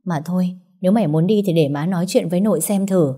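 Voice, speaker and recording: A woman voicing a weary village mother who talks softly and with worry. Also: fairly low pitch, quick pace, breathy edge. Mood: worried. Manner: soft, sighing.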